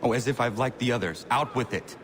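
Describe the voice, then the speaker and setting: An actor playing a stern, impatient prisoner hero who speaks bluntly, formally and with skepticism. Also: male voice, mid-range voice, fast talker, a crowd in the background, close to an everyday voice. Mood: skeptical.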